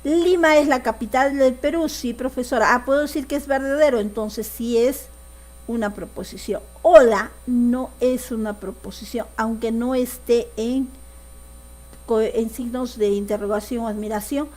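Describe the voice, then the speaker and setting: A woman's voice: a little high, normal speed, a little mellow. A woman teaching a secondary school logic lesson, often checking that the class follows. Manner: asks the class frequent check questions.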